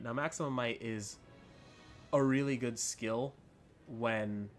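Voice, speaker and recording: A man with a fairly low voice hosts a gaming video over background music. He talks casually and without a script, rambling a little and thinking aloud as he reviews things. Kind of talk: casual unscripted gameplay commentary. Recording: music under the voice.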